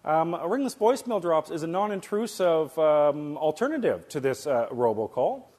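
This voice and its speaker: A man pitching his business in an interview, persuasive but hesitant with fillers. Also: sing-song, normal speed, darkish tone. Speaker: business owner. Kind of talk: interview soundbite.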